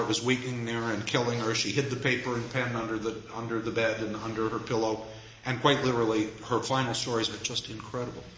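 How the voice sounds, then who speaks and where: A man's voice: medium pitch, fairly bright tone, a little hiss or hum. A man giving an anecdotal lecture, a wry storyteller who chuckles at his own asides. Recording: echoey, dull room recording with faint ambience.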